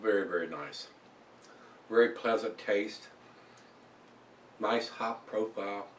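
Older man, lowish voice, chatty beer review, roomy home sound, mic well off. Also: takes it slowly, distant mic, slight background noise. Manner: relaxed, chatty, with many fillers. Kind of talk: casual beer review vlog. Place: small room at home, indoors. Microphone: camera across the room.

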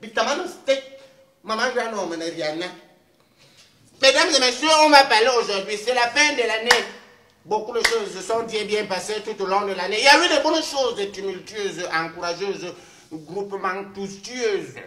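A woman playing a loud, teasing comic news anchor in a mock news sketch. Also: medium pitch, moderate pace, lightly acted. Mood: bossy. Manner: loud, teasing, swings up into exclaiming. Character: brash female TV news anchor, customs officer. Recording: echoey room.

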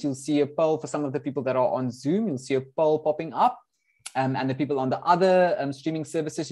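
A native Afrikaans speaker hosts an online product talk over a video call, opening the webinar in a friendly manner. His voice is on the high side with a dark tone. He fills his speech with frequent ums.

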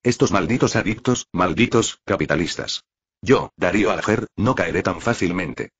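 A man's voice: deep voice, moderate pace, a bit bright, breathy edge, muffled recording, exaggerated voice. A man voicing a huge, cruel, bull-headed male minotaur tycoon who gloats and rages. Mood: scheming. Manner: gloating, greedy and furious.

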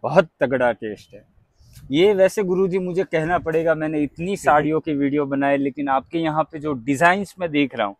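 Excitable man touring a saree shop. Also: fairly high pitch, brisk, no echo. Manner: excitable, keeps repeating exclamations of praise. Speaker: market vlogger. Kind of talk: casual showroom walkthrough.

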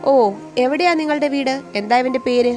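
A woman's voice: high-pitched, fairly even intonation, fairly quick, lightly acted. Stern father, curt, scolding, read by a woman, faint music behind. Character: stern middle-aged father refusing a match. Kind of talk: storytelling voice acting.

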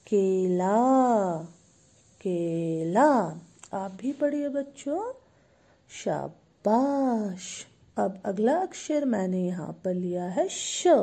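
A woman with an Indian accent teaching young children in a recorded class, drawing out each sound slowly and repeating it for them to echo. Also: medium pitch, dark tone, slightly rough. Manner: slow, drawn-out words, repeats sounds for kids to echo. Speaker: school teacher.

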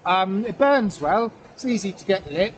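Out in a wooded valley, a pipe-smoking middle-aged man rambles casually for his outdoor vlog, hesitating and correcting himself as he speaks. His voice is high with lively intonation and a moderate pace. Outdoor ambient noise fills the recording, taken with the camera some distance away.

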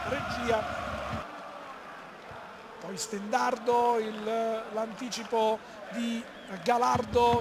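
A man commentating live on a football match in an excited, emphatic manner. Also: very high voice. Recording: loud stadium noise behind commentary.

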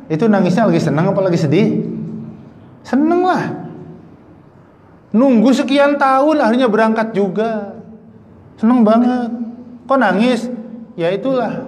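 A man preaching in a mosque, his fairly high voice carried by the long reverb of the hall. He keeps throwing questions at the listeners and answering them with animated emphasis. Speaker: ustadz giving a mosque lecture. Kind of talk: sermon.

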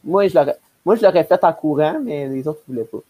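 A young man with a Québécois accent chats casually on a podcast panel over a video call, using a headset or earbuds. His slightly high voice is animated, brisk, and warm, with no echo.

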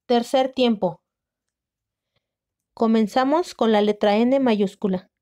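A woman teaching first grade, dictating sentences syllable by syllable with long pauses for children to write. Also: on the high side, warm tone.

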